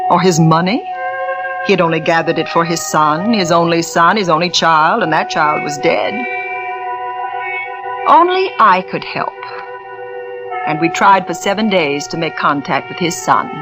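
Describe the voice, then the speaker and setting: In the style of 1940s radio drama, an actress with a fairly low voice plays a persuasive spiritualist medium. She narrates intimately and theatrically, at times sinking to a whisper.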